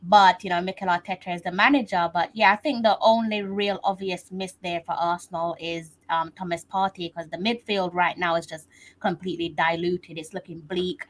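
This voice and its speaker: A woman co-hosting a football chat, talking in a measured, thoughtful, explanatory way. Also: lowish voice, fairly even intonation, rough recording. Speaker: co-host. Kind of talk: casual football analysis.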